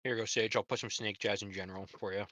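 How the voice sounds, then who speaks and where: A man's voice: lowish voice, fairly even intonation, very fast, bright, forceful tone, dry recording. A man chatting casually and jokingly as a player in a tabletop role-playing game.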